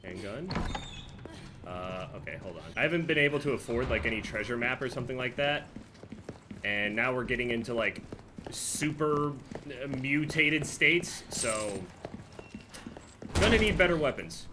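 A man's voice: mid-range voice, moderate pace. A man giving casual gameplay commentary, swearing and muttering his thoughts aloud over game sound. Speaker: gamer playing and commenting on a horror game. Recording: clear game noise behind the voice. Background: video game sound.

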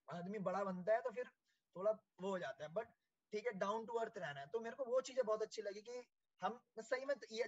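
Earnest high-voiced man, lo-fi sound. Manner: earnest, grateful, mixes Hindi with English phrases. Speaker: sales manager sharing his experience. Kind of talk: heartfelt testimonial talk. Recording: dull lo-fi audio.

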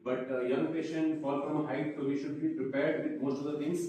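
A man's voice: fairly high pitch, level tone, brisk, mellow, lo-fi sound. Man calling out trauma orders. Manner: instructive, giving step-by-step orders. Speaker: doctor demonstrating trauma assessment. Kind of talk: spoken clinical demonstration. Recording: echoey room, voice from a distance.

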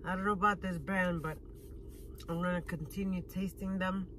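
A woman in her thirties, a vlogger, films a food review on her phone held at arm's length while sitting in a parked car. Her voice is lowish, steady and fairly bright, and she chats at a moderate pace, eating as she talks with audible smacking. There's slight background noise.

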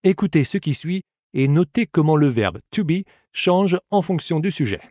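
A man reading a scripted audiobook language lesson, giving slow, careful model pronunciations for the listener to repeat. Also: on the high side, lively intonation, warm tone, no echo, studio quality. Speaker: language teacher.

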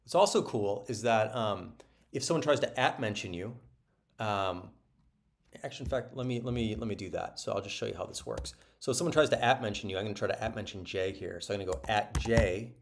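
A man giving a casual, upbeat screen-share walkthrough of a software product, talking loosely with many ums and restarts. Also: fairly low pitch, fairly quick. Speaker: product presenter.

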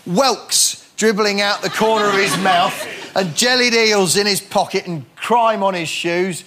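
High-voiced man ranting comically. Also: a little slow, background noise. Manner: ranting, incredulous mockery. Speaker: panel show debater. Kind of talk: comic stand-up argument.

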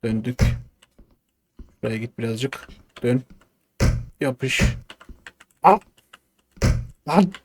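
A man's voice: mid-range voice, animated, drawn-out words, pauses often. A young man casually commenting on a game as he plays, coaxing and cursing at it while talking to himself. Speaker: gaming YouTuber. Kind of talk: casual let's-play commentary.

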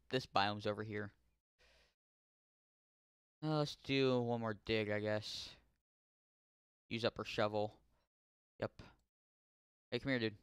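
Young man, let's-play commentary, bright crisp voice, dry close sound, slow unhurried talk. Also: lowish voice, dry recording. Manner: yells and swears when startled; talks to in-game characters. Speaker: gameplay commentator.

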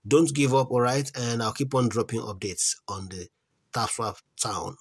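A man with a mid-range, slightly rough voice hosts a casual crypto app tutorial, speaking at a moderate pace with fairly even intonation. He thinks aloud while searching menus, trailing off and restarting, and earnestly repeats advice to his viewers. It's a screen-recorded walkthrough with his voice-over recorded on a phone.

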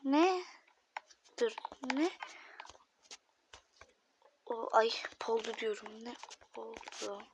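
High-voiced woman chatting through a game. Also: expressive, drawn-out words, long pauses, background noise. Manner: chatty, talks to viewers, often drops to a whisper. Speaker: gaming YouTuber. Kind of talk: casual gaming commentary.

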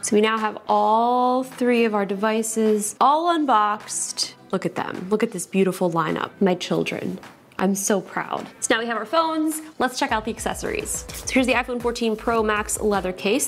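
A woman hosting a casual unboxing vlog from her own studio, bubbly and excitable and gushing over what she unpacks. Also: fairly high pitch, normal speed, soft background music. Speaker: tech YouTuber host.

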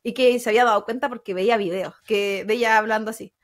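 A Chilean woman in her thirties with a Chilean accent, co-hosting a podcast in casual, animated chat full of slang and laughter. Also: fairly high pitch, quick pace. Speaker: podcast co-host.

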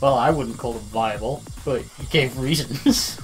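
A man's voice: mid-range voice, a little slow, music in the background. Rambling man co-hosting a gaming podcast. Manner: rambling with many fillers and restarts, teasing. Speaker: podcast co-host. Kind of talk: casual chat.

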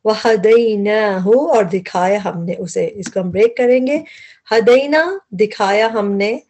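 A woman a mellow, warm voice walks students through a Quran lesson word by word. She explains each root word patiently, often repeating and correcting herself mid-phrase. Her speech mixes in throughout. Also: medium pitch, takes it slowly.

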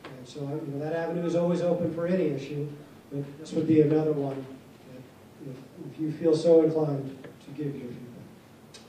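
A man leading a town hall meeting as base commander, answering questions in a measured, formal, plainspoken way before a seated audience. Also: fairly high pitch, fairly even intonation, warm tone. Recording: echoey hall from far off, faint noise.

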